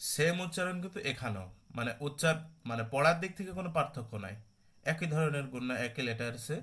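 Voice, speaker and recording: A man's voice: a little high, fairly bright tone. A man teaching a Quran recitation class online, talking conversationally, correcting himself and often checking that students follow. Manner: self-correcting, restarts mid-phrase; slow drawn-out recitation of examples.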